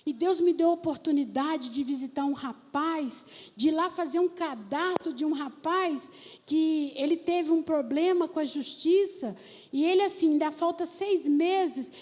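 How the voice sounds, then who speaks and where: A woman pastor preaching a sermon, telling stories and talking straight to the congregation in an animated way. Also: sits high, a little slow. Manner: animated storytelling preacher, talks to the congregation directly. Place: church hall. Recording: church hall with long reverb.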